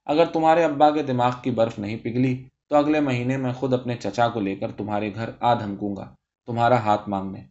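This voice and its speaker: A man voicing an earnest young man who speaks softly and persuasively to his beloved, on a dull recording. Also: mid-range voice, fairly even intonation, natural voice. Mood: tender. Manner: soft, affectionate, persuasive. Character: earnest young man, tender and reassuring lover.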